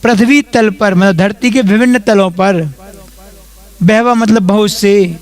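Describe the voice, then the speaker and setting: A monk leads his students through verses, his voice pitched high for a man. He recites slowly and deliberately, then drops into brisk explanation of each word. The delivery is patient and unhurried overall. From India. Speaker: Jain monk teaching a class.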